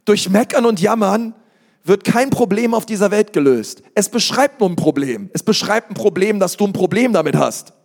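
A male pastor preaching an emphatic sermon, speaking straight to the congregation and rising to shouts. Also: sits high, animated, normal speed, gravelly.

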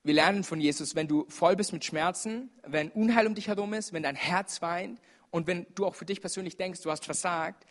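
A man's voice: high voice, moderate pace, a bit bright. A man preaching a sermon at a church service, earnest and urgent, with frequent fillers as he appeals to his listeners.

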